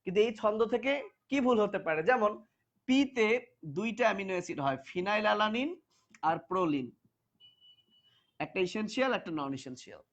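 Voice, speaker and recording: A man's voice: high-pitched, animated, a little fast, pauses often, highs cut off. A male biology teacher giving a classroom lecture, repeating terms again and again for students to chant back and addressing them directly.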